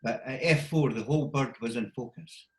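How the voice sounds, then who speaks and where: A man's voice: medium pitch, normal speed. Scottish male guest, plain-spoken practical advice, echoey video-call sound. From Scotland. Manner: practical, step-by-step advice with short instructions. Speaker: wildlife photographer guest. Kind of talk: casual explanatory interview talk.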